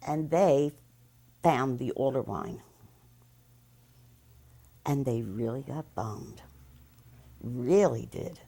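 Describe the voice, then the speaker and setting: An older woman from Philadelphia remembers her childhood in an interview. Her voice is low and swoops widely, and she speaks slowly, laughing gleefully as she tells her stories. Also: expressive, creaky, mellow, husky. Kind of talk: reminiscing interview.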